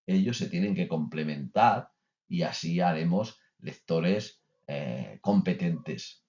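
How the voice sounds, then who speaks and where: A man's voice: low-pitched, lively intonation, slow pace, mellow. A man giving a recorded course lecture to teachers, conversational, with many filler sounds and restarts. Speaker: teacher trainer. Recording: dull lo-fi recording.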